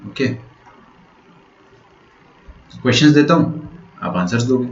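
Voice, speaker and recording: A man's voice: mid-range voice, lively intonation, slow. Male maths teacher, patient step-by-step explainer, echoey room, dull lo-fi audio. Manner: explains step by step, checks often if students follow. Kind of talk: online lecture. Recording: roomy, dull lo-fi sound.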